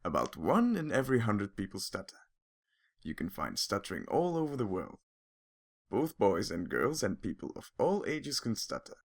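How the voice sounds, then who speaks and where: A man giving calm, clear scripted narration for an animated explainer, explaining step by step. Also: fairly low pitch, moderate pace.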